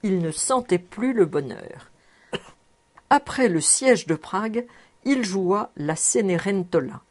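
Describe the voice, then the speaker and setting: A woman narrating a classic novel aloud in a measured, expressive way. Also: medium pitch. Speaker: audiobook reader.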